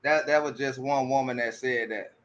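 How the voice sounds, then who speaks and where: A man's voice: mid-range voice, fairly even intonation, moderate pace, a bit bright, highs cut off. A man giving casual commentary, often restarting his sentences and repeating rhetorical questions to his audience. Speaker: commentary streamer.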